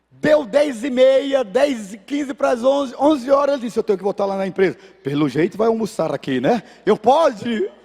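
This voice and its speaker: In church, a man with a Brazilian Portuguese accent preaches a sermon woven with anecdotes. He's a pastor whose voice is high for a man, and he brings his story's characters to life by animatedly shifting his voice. There is a long reverb from the sanctuary.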